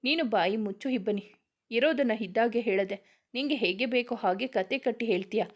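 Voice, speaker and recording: A woman's voice: fairly high pitch, moderate pace, close to an everyday voice. A woman voicing a young man, an earnest and protective older brother who blames himself. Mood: angry. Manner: earnest, self-reproaching.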